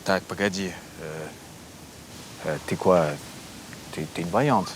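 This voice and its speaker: An actor playing a shady, guarded Russian boss in a web drama, with a Russian accent and a halting, hesitant manner. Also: male voice, low voice. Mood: wary, evasive. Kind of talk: naturalistic screen drama dialogue. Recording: noisy location recording.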